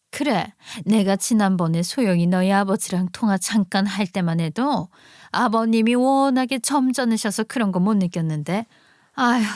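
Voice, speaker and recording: A woman's voice: mid-range voice, a little mellow, no echo, close to an everyday voice. A woman voicing an overbearing older prospective mother-in-law who nags and talks down in an audio story drama, with dry close sound. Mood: condescending. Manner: nagging, condescending, exclamatory scolding.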